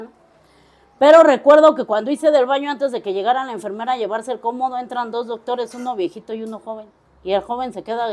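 Middle-aged woman with a Mexico City accent, testimony speaker, blunt and foul-mouthed, high-pitched. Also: a little mellow. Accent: Mexico City Spanish. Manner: blunt, crude, slang-heavy storytelling. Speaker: speaker at a recovery meeting. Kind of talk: personal testimony to a group.

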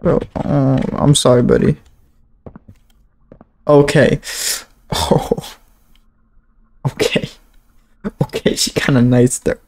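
A man's voice: medium pitch, flat delivery, takes it slowly, pauses often, a little mellow. A man giving casual gameplay commentary, reacting and talking aloud to the game as host. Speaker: gaming video host.

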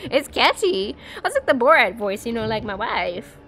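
American girl streaming games, giggles a lot, says like constantly, kinda high voice. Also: very animated, takes it slowly, a bit bright, faint music behind. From East Coast United States. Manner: chatty and giggly, many fillers. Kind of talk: casual livestream chat while gaming.

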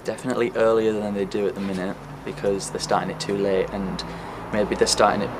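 A man's voice: on the low side, level tone, a little fast, background noise. A young man answering a street interview hesitantly, with many fillers. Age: young adult. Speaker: passer-by interviewee. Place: outdoors by a building.

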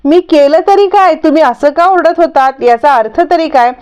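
A woman's voice: sits high, lively intonation, normal speed, darkish tone, voice pushed up. Woman voicing a bewildered young daughter-in-law. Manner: puzzled, pleading questions. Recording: dull lo-fi recording.

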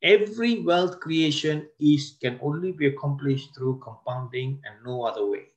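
A man with a fairly high voice delivers a wealth seminar as a lecture. He slows down to stress key words and frequently stops and restarts his sentences.

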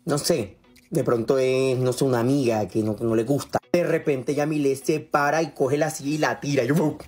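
A man's voice: medium pitch, steady tone, moderate pace, darkish tone, breathy edge, soft background music. A man, a doctor, telling a funny gossip story to camera, laughing often and acting out voices.

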